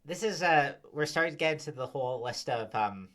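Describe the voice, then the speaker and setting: A man's voice: fairly high pitch, lively intonation, a little fast, fairly bright tone. A man hosting commentary at a microphone, talking casually with sighs, fillers and exasperated asides. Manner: sighing, rambling, filler-heavy. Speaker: commentary host. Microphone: desk microphone.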